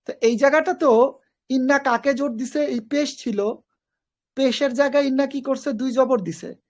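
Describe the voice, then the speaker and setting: A woman's voice: high voice, normal speed. A woman from Bangladesh, teaching an online grammar class. She explains step by step, repeats key phrases and mixes in English grammar terms. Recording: dull lo-fi recording.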